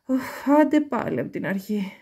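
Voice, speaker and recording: A soft-hearted male wolf who only wants to bake, earnest and a touch grumbly, as a woman reads him aloud. The voice is husky and swings up and down. It is a children's storybook read aloud. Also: on the high side, animated. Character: hungry but kindly male wolf, a baker at heart.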